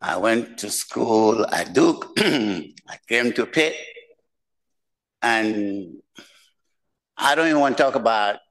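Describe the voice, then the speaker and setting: An older man from Nigeria and Cameroon with a mixed West African accent, giving a slow, humorous keynote speech from a podium in a lecture room. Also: on the low side, lively intonation, a bit bright, low-quality recording. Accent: West African, mixed from many languages. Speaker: keynote speaker, professor. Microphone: podium mic.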